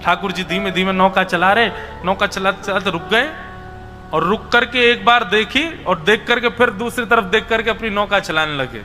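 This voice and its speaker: High-voiced man telling a devotional story. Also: normal speed. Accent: Braj. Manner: animated, explaining to listeners. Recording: reverberant hall with music behind.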